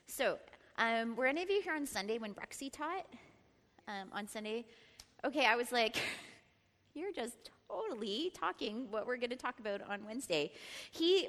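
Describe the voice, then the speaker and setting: A middle-aged woman leading a church Bible study, lively and often laughing as she prompts the group. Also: a little high, moderate pace. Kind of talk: Bible teaching talk. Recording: long reverb in a large room.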